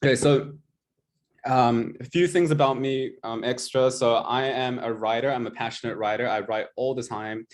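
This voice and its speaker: Over a video call, a twenty-something New Zealander serving as guest presenter and tutor delivers a relaxed, self-deprecating presentation packed with ums. He speaks at a moderate pace in a mid-range voice with fairly even intonation.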